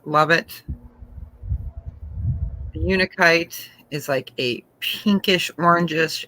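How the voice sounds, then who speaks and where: Slow-talking bright-voiced woman auction host. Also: low-pitched, gravelly, no echo, low-quality recording. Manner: chatty, describes items slowly, laughs often. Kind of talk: casual live sales chat.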